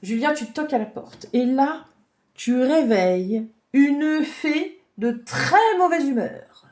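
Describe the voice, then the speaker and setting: A woman giving a gentle, chatty drawing lesson for children, thinking aloud as she tells a story. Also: high voice, animated, slow.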